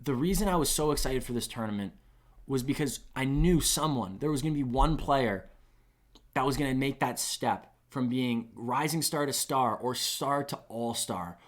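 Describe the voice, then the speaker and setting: This male esports caster calls a match live in a mid-range voice at a moderate pace. His voice is going hoarse, and his rambling, excited commentary surges loud whenever a big play happens.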